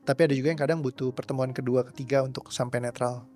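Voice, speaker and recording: Relaxed rambling young coach man. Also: mid-range voice, fast talker, soft background music. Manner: relaxed, rambling, mixes English words into speech. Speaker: trauma release coach. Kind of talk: casual interview answers.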